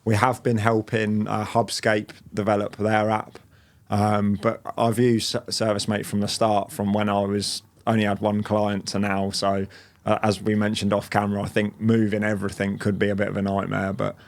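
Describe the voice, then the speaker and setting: A man in his late twenties, a business owner on as a guest, talks loosely and casually in an interview, filling space with fillers and restarting his thoughts. He has a fairly low voice and a moderate pace.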